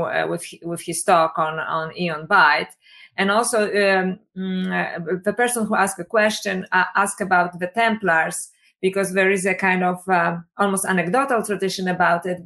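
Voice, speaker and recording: A woman speaking as a guest on a scholarly discussion panel, answering in a halting way with many fillers and restarts. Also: fairly low pitch, fairly bright tone.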